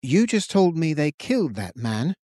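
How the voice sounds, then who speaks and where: A man's voice: a little high, big pitch swings, moderate pace, mellow, dry recording, clean studio sound, voice pushed up. A man voicing a grieving, angry young knight of an order, with a tense, raised delivery. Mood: bitter. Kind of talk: audiobook character voice.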